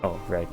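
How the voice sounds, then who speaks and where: A video creator shows off handheld gaming in an unscripted, casual showcase. He rambles and thinks aloud as he goes.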